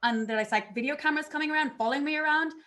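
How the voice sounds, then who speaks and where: A woman giving a conference talk, telling her story in an animated way and acting out her own past reactions. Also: sits high, very fast. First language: not English. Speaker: conference speaker.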